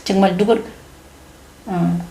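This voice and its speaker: A middle-aged woman giving an emphatic, animated sermon testimony, acting out quotes as she tells her story. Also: mid-range voice, slow, creaky, roomy sound.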